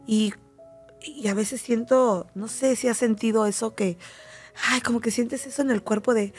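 A middle-aged woman with a Mexican accent, talking as a guest on a talk show and telling personal stories with lively, acted-out quotes. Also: a little high, normal speed, faint music behind. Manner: animated storytelling, acting out quoted voices. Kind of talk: casual talk show conversation.

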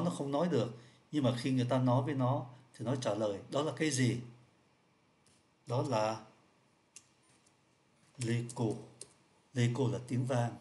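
A man's voice: mid-range voice, a little mellow. Patient man explaining French riddles. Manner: patient, repeats each point, slows down for French words. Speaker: French teacher.

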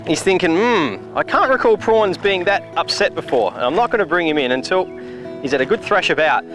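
Excitable Australian fishing host outdoors. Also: male voice, high-pitched, brisk, over music. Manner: excitable, whoops when fish strike. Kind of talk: on-location fishing demonstration. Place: outdoors on a river beach.

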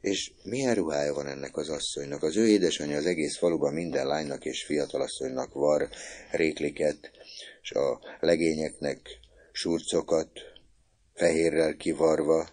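A man narrating a classic novel as an audiobook in a calm, measured way. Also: extremely low pitch, no echo.

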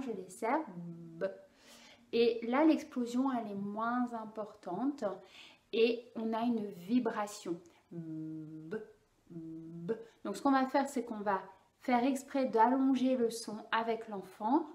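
Slow-talking woman speech therapist. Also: a little high, darkish tone, roomy sound. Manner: slow, careful, demonstrating sounds. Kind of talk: instructional demonstration for parents.

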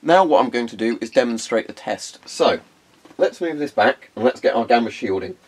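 In a carpeted room, a young man hosting a hobbyist video demonstrates his equipment in a relaxed way, his congested, phlegmy mid-range voice expressive and at normal speed. He rambles and says um often.

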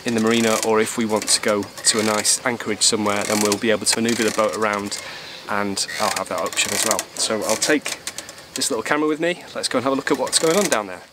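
A man's voice: fairly low pitch, steady tone, fast talker, few pauses, noisy background. A man in his thirties, hosting a sailing vlog and chatting as he explains boat chores. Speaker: vlog host. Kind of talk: casual vlog narration. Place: aboard a moored sailboat.

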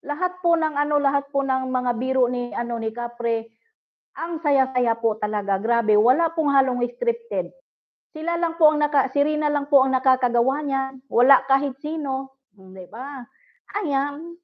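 A woman's voice: high-pitched, moderate pace. A middle-aged woman hosting a livestream, chatting casually and politely with viewers and giggling often. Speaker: livestream host. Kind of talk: casual live chat reading viewer comments. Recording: dull lo-fi livestream audio.

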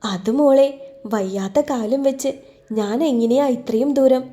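Woman voicing a gentle, worried old father. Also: a little high, measured pace, lightly acted. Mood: fatherly. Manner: hesitant, fatherly.

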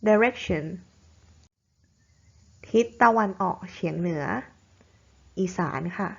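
A woman tutor running a vocabulary quiz lesson, explaining each word patiently and clearly. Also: lowish voice, a little slow, lo-fi sound.

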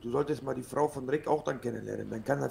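A man playing an excitable grandson in a game role-play, agitated, swearing and repeating himself. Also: medium pitch, fast talker, creaky, slight background noise. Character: excitable grandson, rude and jumpy.

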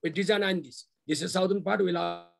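A middle-aged man with a Nepali accent presenting slides on a video call in halting, repetitive phrases. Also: sits high, fairly even intonation, gravelly. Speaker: university official presenting a development plan. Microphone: video call microphone.

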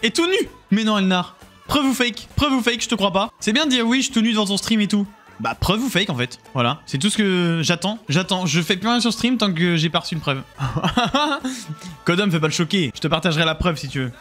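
A man's voice: sits high, lively intonation, fairly quick, a bit bright, faint music behind. A man streaming a video game, joking with his chat in a casual, exclamatory way. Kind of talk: casual live-stream gaming commentary.

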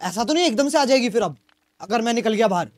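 A man streaming a horror game, commentating live with panicky yelling and crude jokes. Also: very high voice, expressive, fast. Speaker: gaming streamer.

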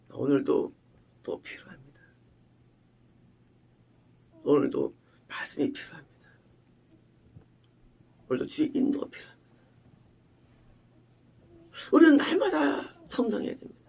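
A male pastor giving an emphatic sermon, asking rhetorical questions and swinging between loud and hushed delivery. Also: high-pitched, vocal fry, husky.

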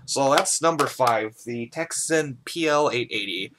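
A young adult hobbyist host chats through an informal product review from a small bedroom, casual and a bit hesitant. His mid-range voice is animated and measured in pace, and the recording is very noisy.

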